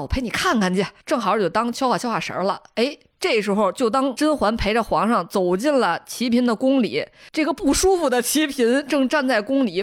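A woman hosting a podcast, retelling a TV drama's plot in a casual, lively way and acting out the characters' lines with a northern style lilt. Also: fairly high pitch, no room sound, studio quality. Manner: animated storyteller, acting out dialogue lines. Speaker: podcast host.

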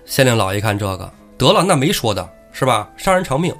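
Male podcast host retelling old tales, animated delivery, middle pitch, faint music behind. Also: normal speed. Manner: lively, acts out characters. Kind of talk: casual storytelling.

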